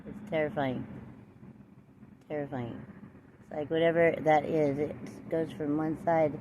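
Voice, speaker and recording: Woman, low voice, agitated swearing monologue recorded outdoors; dull sound, heavy road noise. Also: fairly even intonation, a little slow. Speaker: vlogger. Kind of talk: rambling casual monologue. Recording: muffled recording with loud traffic noise.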